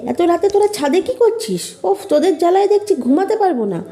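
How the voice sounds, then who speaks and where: A woman's voice: very high voice, lively intonation, quick pace, dark tone. An actress playing a worried middle-aged mother who fusses over her sons and cries out in fear. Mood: scolding. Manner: fussing and scolding, breaking into frightened cries.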